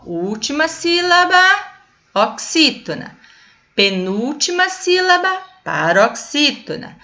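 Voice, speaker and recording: A woman's voice: medium pitch, bright, forceful tone, highs cut off. A Brazilian woman teaching a lesson to children, explaining patiently and checking in with her listeners often. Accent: Brazilian Portuguese.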